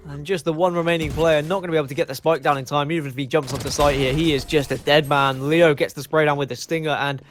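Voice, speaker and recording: Energetic man calling an esports match. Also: a little high, fast, few pauses, faint music behind. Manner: animated, jokey banter. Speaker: esports commentator. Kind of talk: play-by-play commentary.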